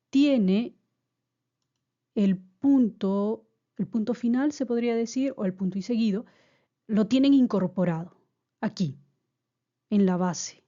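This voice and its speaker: A woman giving a grammar lesson, explaining slowly and patiently and often repeating her key points. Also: medium pitch, warm tone, muffled recording. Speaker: teacher.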